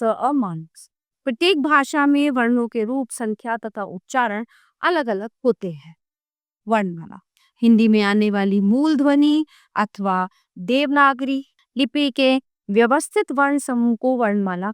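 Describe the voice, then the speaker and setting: High, clear woman teaching a lesson. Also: no room sound, clean studio sound. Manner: spells out sounds and example words one by one. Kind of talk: read-aloud grammar lesson.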